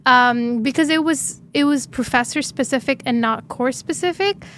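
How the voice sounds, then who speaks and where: A young woman from Dubai tells how her startup began, talking earnestly in long, animated stretches full of "um"s and "right?"s. Her voice sits on the higher side, and a faint hiss runs under the recording. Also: normal speed. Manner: earnest, animated storytelling with many fillers. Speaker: startup founder guest. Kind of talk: interview conversation.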